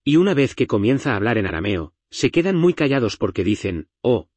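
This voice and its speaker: Man lecturing in a husky, lively voice. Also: medium pitch, a little fast, no room sound. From United States. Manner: explanatory, conversational, frequent asides. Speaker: Bible teacher.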